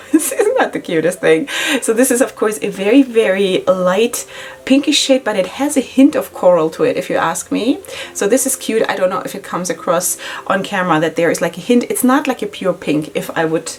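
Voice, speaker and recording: Speaking English as a second language, this middle-aged woman gives a casual makeup tutorial from her home setup in Israel. As a beauty vlogger, she's expressive and chatty, giggling a lot and dropping plenty of fillers like "you know" and "like" in a mid-range voice.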